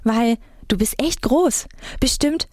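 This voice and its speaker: A woman's voice: on the high side, slow pace, warm tone, no echo, studio quality, pitched above the performer's own voice. A woman voicing an overly eager, chatty teenage girl from a small island who keeps firing questions. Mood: eager chatter. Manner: bubbly, nosy, rattles off questions.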